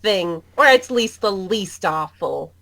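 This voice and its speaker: A woman's voice: medium pitch, expressive, slow pace, vocal fry, pushed and bright, no room sound. A woman guesting on a casual gaming podcast, playful and hyperactive.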